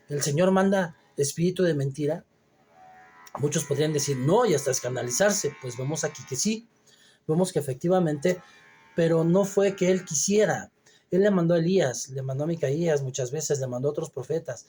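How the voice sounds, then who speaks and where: A man preaching a Bible teaching sermon, reading scripture aloud and then explaining it, often pausing with hesitant fillers. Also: fairly high pitch, warm tone, soft background music.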